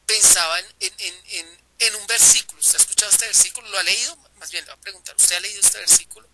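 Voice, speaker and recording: A man's voice: high voice, bright, forceful tone, slight background noise, rough recording. A man with a Colombian accent leading a Bible study group, often putting rhetorical questions to his listeners and repeating phrases.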